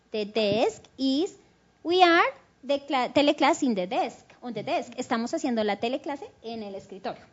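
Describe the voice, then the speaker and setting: A woman teacher hosting a bilingual online class, animated and switching languages as she demonstrates intonation. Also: sits high, highs cut off. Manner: animated, switches between Spanish and English, mimics intonation. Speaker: English teacher hosting a teleclass.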